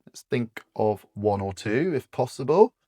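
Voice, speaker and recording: A man guiding aphasia word-finding exercises as a speech therapist, speaking patiently and encouragingly with pauses. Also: mid-range voice, very animated, warm tone, no room sound, clean studio sound.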